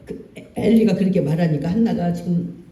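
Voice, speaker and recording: A pastor preaching a Sunday sermon, lively and colloquial, acting out scenes with jokes and emphasis. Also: medium pitch, a little fast. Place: church sanctuary. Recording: distant echoey church hall.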